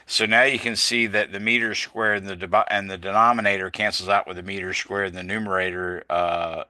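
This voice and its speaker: A tired male physics teacher yawns as he works through problems aloud, reading out numbers step by step and correcting himself along the way. His bright-toned voice sits low with a flat, slow, methodical delivery, and there's no echo.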